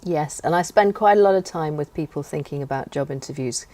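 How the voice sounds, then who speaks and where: A woman speaking as a guest in an interview about speaking skills, animated and hitting her words for emphasis. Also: low-pitched, a little fast, dry recording. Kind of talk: conversational interview. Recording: very dry close sound.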